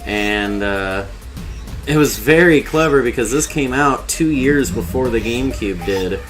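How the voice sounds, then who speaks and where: A man's voice: mid-range voice, expressive, measured pace, fairly bright tone. Casual male game streamer over prominent music. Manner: informal, explanatory, jokey asides.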